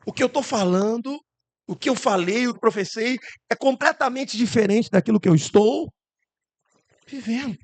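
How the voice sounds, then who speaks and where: Male Brazilian preacher, high-pitched, sermon full of rhetorical questions. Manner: acts out quoted voices.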